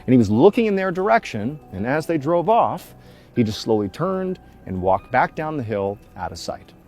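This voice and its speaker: A man's voice: medium pitch, big pitch swings, moderate pace, darkish tone, soft background music. A man telling creepy true stories in an informal, dramatic way, conversational and emphatic as he builds suspense. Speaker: storyteller, host of a story show.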